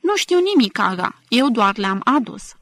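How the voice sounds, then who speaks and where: A woman reading the lines of an irritated young male traveler, defensive and peevish, with her voice pitched well up. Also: very animated, fairly bright tone, no echo, studio quality.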